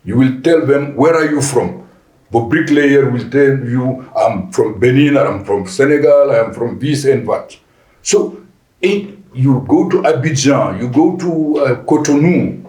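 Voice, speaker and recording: Deliberate man, roomy echo. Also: medium pitch, animated, a little mellow. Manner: deliberate with frequent restarts and fillers. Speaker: panel guest. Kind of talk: podcast panel discussion. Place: conference venue.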